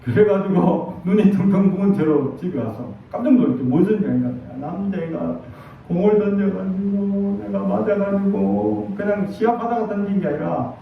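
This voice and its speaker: A middle-aged male pastor preaches a sermon with a high voice, switching into quoted lines as he tells his stories. He is heard from some distance in a strongly echoing room, and the sound is dull. A faint background hum runs underneath. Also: normal speed, gravelly, few pauses. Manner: animated storytelling with acted quotes. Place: church sanctuary.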